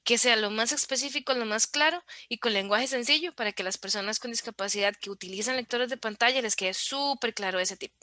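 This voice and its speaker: A woman speaks as a podcast guest and explains her points patiently, using everyday examples. Her voice is fairly high and bright. The sound is dry, with no room echo. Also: brisk, few pauses. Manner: clear, didactic, explains with examples. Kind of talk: explanatory interview talk.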